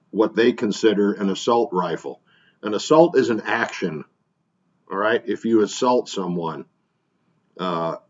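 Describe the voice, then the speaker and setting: Middle-aged guy from illinois, slow and low, dull lo-fi recording, keeps clearing his throat. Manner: slow, plainspoken, with frequent uhs and throat clearing. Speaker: vlog host, gun dealer. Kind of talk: opinion monologue to camera. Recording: dull lo-fi sound.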